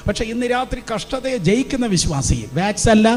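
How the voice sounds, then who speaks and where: Very high-pitched and animated, the man talks fairly fast. As a pastor before a church congregation, he delivers a fiery Pentecostal sermon in call-and-response style, pressing people to repeat lines.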